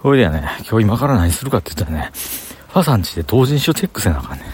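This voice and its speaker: Casual vlogger, male, Banshu Kansai accent, lowish voice with a bouncy, lively pitch, chatty self-talk outdoors. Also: very fast, slight background noise. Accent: Kansai, Banshu (Himeji) dialect. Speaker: vlogger talking to camera. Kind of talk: casual rambling monologue while walking. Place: outdoors on city streets.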